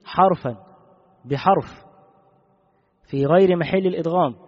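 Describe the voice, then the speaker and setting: A man teaching a classical religious law text, in a measured way that repeats key rulings. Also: on the high side. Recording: dull recording with long reverb.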